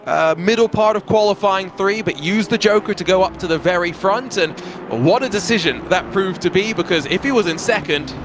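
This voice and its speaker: Higher-pitched male race commentator over engines. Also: brisk, background noise. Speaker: motorsport commentator. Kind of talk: live esports racing commentary.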